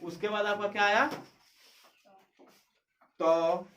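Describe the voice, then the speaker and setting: A man's voice: high-pitched, fairly even intonation, sharp tone, dull audio, slight background noise. A male teacher giving a classroom lesson, asking questions and answering them himself, saying sounds one at a time. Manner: drills by asking and answering his own questions; says sounds slowly one by one. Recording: echoey room, far from mic.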